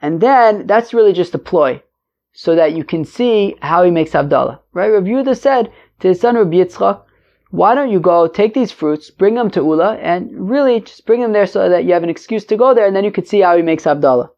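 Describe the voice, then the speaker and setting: A man with a high but darkish voice teaches Talmud informally, brisk and animated. He reads, translates conversationally, rephrases and asks rhetorical questions, heard through a dull lo-fi recording.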